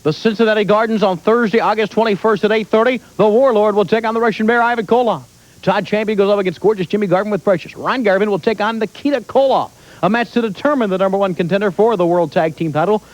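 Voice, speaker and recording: A man's voice: high-pitched, fast, low-quality recording. A male wrestling announcer giving an emphatic event promo, reading out a match card.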